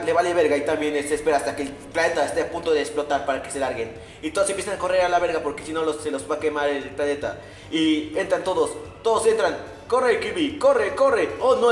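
A young man narrating a video game in a crude, slangy, mocking comic style. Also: fairly high pitch. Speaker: parody narrator. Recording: echoey room with long reverb, faint music. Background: faint music.

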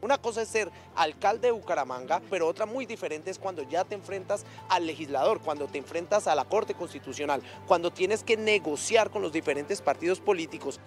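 High-voiced male political analyst. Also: animated, fairly quick, few pauses, soft background music. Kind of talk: interview commentary.

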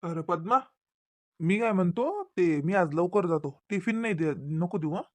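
A woman voicing a hurried father in a cartoon, rushing off to work. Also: on the low side, lively intonation. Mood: casual. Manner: hurried, dismissive. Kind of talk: cartoon voice acting.

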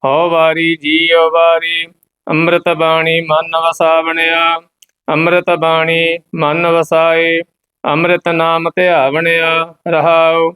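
A man teaching scripture recitation, reading verse line by line at an even pace and stopping now and then to explain where to pause. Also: fairly high pitch, smooth, rough recording. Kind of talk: slow measured scripture recitation with pronunciation notes.

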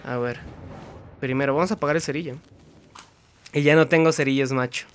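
A young man with a Mexican accent commentates on a horror game, swearing constantly, talking to himself, and breaking into frightened yells. His medium-pitched voice has a steady tone and a slightly fast pace. There is slight background noise.

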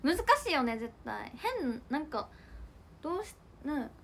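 A young woman chats with her viewers on a livestream, reacting to their comments with giggles. Her voice sits high and lively. A faint noise hums under the home mic. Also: measured pace, creaky. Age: young adult. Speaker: idol livestream host. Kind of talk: casual livestream chat reading comments.

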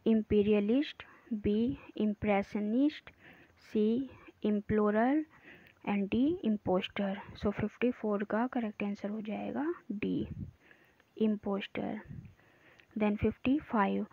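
A woman teacher going through exam practice questions, reading each English question slowly and explaining the answers in quicker Hindi. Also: mid-range voice, gravelly, no room sound. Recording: dry, narrow phone-like sound.

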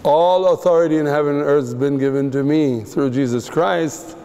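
A zealous male apostle, as a preacher acts him out, protesting with heated emphasis and pitching his voice up in fervor. The words ring through a hall with a long reverb. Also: moderate pace, mellow, lightly acted. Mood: defiant.

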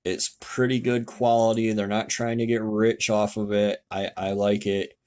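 A man's voice: fairly low pitch, little pitch movement, normal speed, a little mellow. A man giving a casual, blunt tutorial over a screen share, swearing now and then and correcting himself as he goes. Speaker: car tech YouTuber explaining fuel systems. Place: home, indoors.

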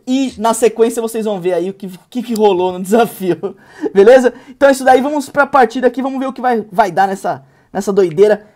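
A man in his thirties with a Brazilian accent, hosting casual, excited gameplay commentary in a slangy, jokey way with frequent exclamations. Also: high-pitched, a little fast. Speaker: gaming video host. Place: small indoor room.

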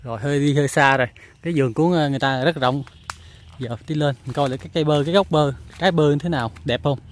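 A man in his thirties with a Southern Vietnamese accent, chatting to viewers as he walks through a farm garden, filming himself with a phone held at arm's length and pausing often on fillers. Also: a little high. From Mekong Delta, Vietnam. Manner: chatty, many filler pauses, addresses viewers. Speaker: vlogger. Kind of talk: casual walking tour vlog. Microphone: phone camera held at arm's length.

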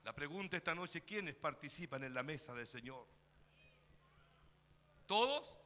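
A man with a Chilean accent preaches a fervent sermon in a church sanctuary. His voice sits high and cuts sharply, rising to shouts as he calls out to the congregation. Long church reverb trails his words. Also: expressive, unhurried. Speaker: pastor. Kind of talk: Spanish-language sermon.

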